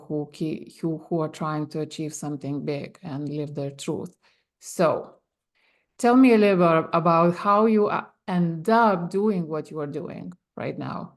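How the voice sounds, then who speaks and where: A woman hosting a podcast, asking her guest questions in a slow, thoughtful way. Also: on the low side. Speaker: podcast host. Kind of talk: casual interview chat.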